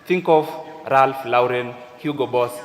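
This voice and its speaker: A man's voice: mid-range voice, fairly even intonation, unhurried. A man speaking emphatically as a founder on a live panel. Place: large conference hall stage. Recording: echoey hall sound over PA.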